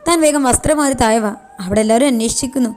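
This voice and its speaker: A woman voicing a kind young husband in a spoken love story, talking in a gentle, lightly joking way. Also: a little high, racing, lightly acted.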